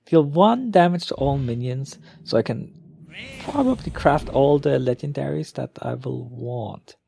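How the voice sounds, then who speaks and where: Rambling male gamer with a slightly creaky voice. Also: medium pitch, lively intonation, unhurried, dark tone, no room sound. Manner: rambling, thinking aloud, often trailing off. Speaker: gamer opening card packs. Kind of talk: casual off-the-cuff game commentary.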